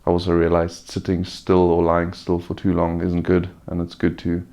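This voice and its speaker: A man giving a casual, unscripted personal update, sounding subdued and halting, weary and sore-throated after surgery, with a gravelly voice. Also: deep voice, completely flat delivery, mellow. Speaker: vlogger giving a recovery update.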